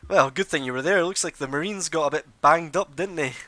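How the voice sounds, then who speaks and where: Male GM as a preening young noble in a tabletop game, bright, chatty, raised voice. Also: a little high, brisk, dry recording, voice pushed up. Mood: smug chatty. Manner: chatty, showy, fawning. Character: young pompous nobleman, eager and self-important.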